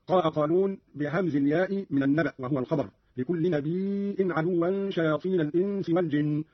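Brisk husky man, dry radio sound. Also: on the high side, no echo. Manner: brisk formal explanatory delivery. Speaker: radio presenter explaining readings. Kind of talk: scripted explanatory narration. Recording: dry muffled radio broadcast.

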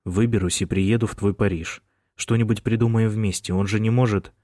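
A desperate young prisoner pleads down the phone in a hushed, urgent voice, read by a man. The voice sits low and the recording is dry and close, like a storybook reading. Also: steady tone, fairly quick, no echo, close to an everyday voice. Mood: pleading.

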